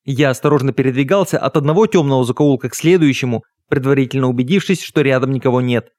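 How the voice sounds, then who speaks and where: On a close studio mic with no echo, a man with a medium-pitched voice narrates a first-person literary audiobook. His storytelling is measured and even.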